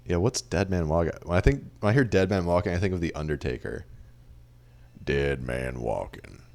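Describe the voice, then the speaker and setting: A man's voice: low voice, lively intonation, fast talker, darkish tone. A young man co-hosting a podcast in casual chat, with dry, teasing banter. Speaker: podcast co-host.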